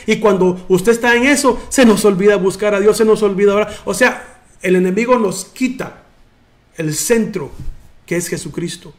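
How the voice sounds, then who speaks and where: A man pastor preaching a sermon, often calling out "brother" and dropping soft and low for emphasis. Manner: preaching with repeated "hermano" and restarts.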